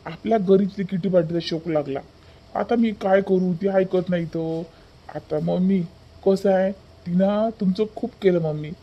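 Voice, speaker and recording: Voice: mid-range voice, dark tone, breathy edge, lo-fi sound, lightly acted. A performer voicing a meek, office-working son in a cartoon. He speaks with a Vidarbha Marathi accent and a plaintive, whining way of explaining himself. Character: mild office-working son, meek before his mother and wife.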